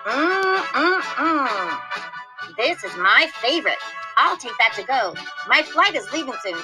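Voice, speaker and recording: A woman's voice: a little high, sing-song, normal speed, music in the background, rough recording. A woman voicing an old man, Santa Claus, in a children's story, savouring and a little evasive. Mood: pleased.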